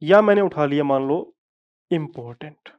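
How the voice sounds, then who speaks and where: Male grammar teacher, fairly high voice, patient step-by-step explainer who keeps checking in with students; dull lo-fi audio. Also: lively intonation, normal speed. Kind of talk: live online grammar class.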